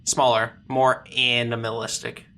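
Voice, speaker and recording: A game master narrating a comedic tabletop game, describing scenes in plain detail and pausing now and then to search for words. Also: medium pitch, flat delivery, sharp tone.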